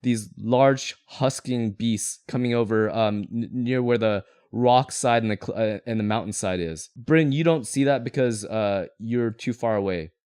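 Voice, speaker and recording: A man's voice: medium pitch, measured pace, few pauses, a little mellow, clean tone, no echo, clean studio sound. A man working as game master, casually narrating a tabletop game in an explanatory, rambling way.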